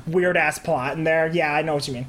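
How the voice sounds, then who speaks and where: A woman's voice: low-pitched, steady tone, a little fast, fairly bright tone. A woman co-hosting a casual anime podcast, playful and teasing, laughing often. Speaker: podcast co-host.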